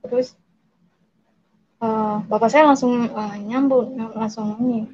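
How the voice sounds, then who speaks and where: A young woman telling her personal testimony in a hesitant, halting way, retelling conversations with her parents. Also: fairly high pitch, dark tone, slight background noise. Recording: dull lo-fi recording.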